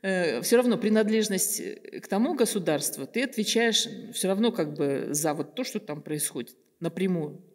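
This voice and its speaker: Animated yet slow and reflective, this older Kazakh guest artist searches for her words during an interview, pausing often and using many fillers. Her slightly low voice, captured by a table mic on a stand in a bright room, carries a noticeable room reverb.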